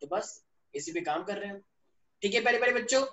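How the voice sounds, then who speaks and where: A man's voice: sits high, expressive, fast, sharp tone. Male online-class teacher, jokey storyteller who teases pupils; roomy echo, distant mic. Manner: playful, teasing, storytelling with students. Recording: echoey room, voice from a distance.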